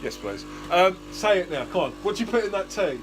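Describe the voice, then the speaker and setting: A man's voice: high voice, sing-song, brisk, background noise. A man chatting casually to camera in a workshop, joking and swearing. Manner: joking, swears, calls viewers "tubers". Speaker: vlogger.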